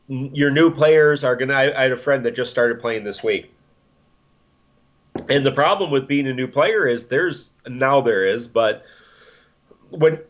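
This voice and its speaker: A man co-hosting a casual gaming podcast rambles, chuckles and keeps restarting his sentences. His voice is mid-range and the audio sounds dull.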